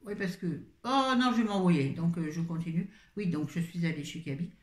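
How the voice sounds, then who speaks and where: A woman's voice: on the low side, animated, fairly quick, roomy sound. An older woman chatting casually on a live video, reviewing a book in a rambling, easily sidetracked way, speaking into a phone.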